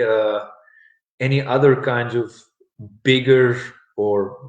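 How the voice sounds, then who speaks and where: Slow-talking South African man teaching. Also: medium pitch, roomy sound, rough recording. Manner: relaxed, with many ums and uhs. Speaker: English teacher. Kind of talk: live online lesson.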